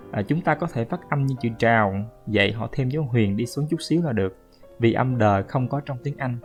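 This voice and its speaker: A man's voice: medium pitch, darkish tone. A man from Vietnam teaching English pronunciation in a casual spoken lesson, talking straight to his viewers and explaining with examples. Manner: friendly, explaining with examples, addresses viewers directly.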